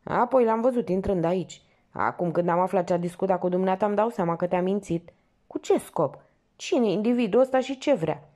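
A woman's voice: mid-range voice, warm tone, voice pushed up, lightly acted. A woman voicing an agitated, insistent young male painter in an audiobook story. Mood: urgent. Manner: urgent, insistent.

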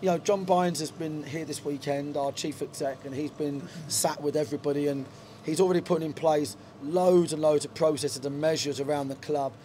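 A middle-aged football manager speaks frankly into a handheld reporter mic during a post-match interview in a stadium dugout, filling his answers with fillers and restarts. His voice has a fairly high pitch and warm tone, with fairly even intonation, and he talks a little fast with hardly any pauses. Slight background noise is present.

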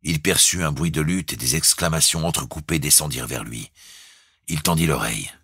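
A man reading a classic novel aloud as an audiobook, in a measured, expressive storytelling manner. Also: rumbling low, husky, no echo, studio quality. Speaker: audiobook reader. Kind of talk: literary audiobook narration.

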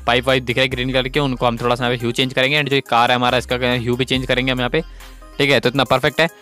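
A man talks quickly through a phone photo editing tutorial, one step after another, checking in with his viewers every few seconds. His pitch sits in a middle range. Faint music plays under his voice. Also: a bit bright, smooth. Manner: instructive, repeats "guys" and "okay". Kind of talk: screen-recorded editing tutorial.

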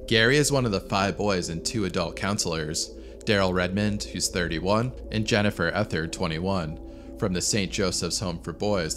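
A man reading a scripted true-story narration in a measured, serious way. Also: low voice. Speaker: channel narrator. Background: faint background music.

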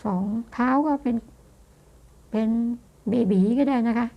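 A woman astrologer talking her way through a horoscope reading in a loose, repetitive monologue, softening her sentences with polite particles. Her voice sits a little high and carries a steady gravelly fry. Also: measured pace. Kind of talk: fortune-telling monologue.

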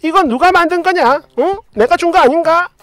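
A woman's voice: very high-pitched, fairly quick, a bit bright, no echo, voice pushed up. A woman putting on a nagging old mother-in-law. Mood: scolding. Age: older. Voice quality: scolding, grumbling. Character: nagging, sharp-tongued older mother-in-law.

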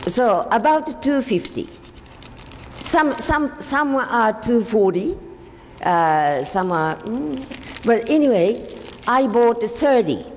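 Older woman speaking slowly in an echoey hall. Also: on the high side, expressive. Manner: halting, with many restarts and fillers. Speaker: forum speaker. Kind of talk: casual slide talk to an audience. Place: meeting hall. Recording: echoey hall, faint background noise.

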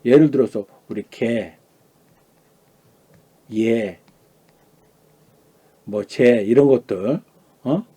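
A man's voice: extremely slow, long pauses, breathy edge. Korean male teacher modeling Chinese vowels. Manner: demonstrates sounds loudly and high, then drops to a quiet aside; asks the class questions and answers them himself. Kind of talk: classroom lecture.

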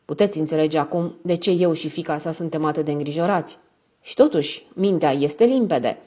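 A woman's voice: low-pitched, mellow, highs cut off. A woman voicing an anxious, apologetic young male secretary who speaks earnestly and with worry.

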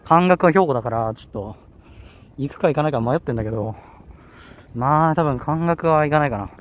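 A young man with a Kanto Japanese accent vlogs while walking across a hilly outdoor campus, his voice a little high and brisk. He chats and rambles, often correcting himself, and sounds slightly out of breath. Recorded on a handheld camera, the audio has its highs cut off and a bit of background noise.

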